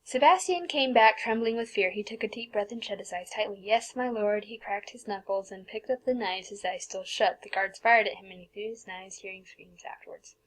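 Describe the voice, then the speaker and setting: A woman's voice: medium pitch, a little fast, few pauses, fairly bright tone, rough recording. A young woman casually reading a fan fiction aloud, often stumbling, restarting and breaking off to make offhand comments. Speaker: fanfic reader.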